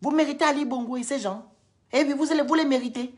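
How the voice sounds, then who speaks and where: A woman hosts a heated live stream, scolding her viewers and hammering the same points over and over. Her voice sits somewhat high, and she speaks into a phone or webcam mic. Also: quick pace, darkish tone. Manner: scolding, repetitive, lecturing.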